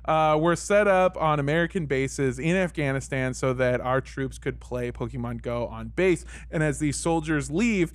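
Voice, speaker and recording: A man co-hosting a comedy podcast, his voice sitting slightly high. He reads odd news items casually, tripping over words, laughing and riffing as he goes. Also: moderate pace, few pauses, no echo. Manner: jokey, laughs often, rambling asides. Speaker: podcast co-host.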